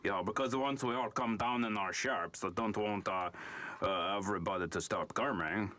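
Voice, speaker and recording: A man voicing a calm, friendly male alien who plans to enslave humankind, talking in a casual, matter-of-fact way. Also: fairly low pitch, normal speed. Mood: breezy. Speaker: panel guest.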